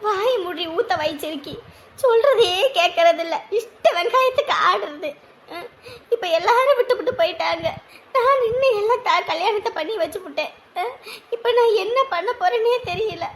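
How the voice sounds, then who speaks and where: An actress playing a fretful middle-aged aunt who scolds and laments. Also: female voice, very high-pitched, lively intonation, moderate pace. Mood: scolding. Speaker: aunt of the bride. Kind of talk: TV drama acting.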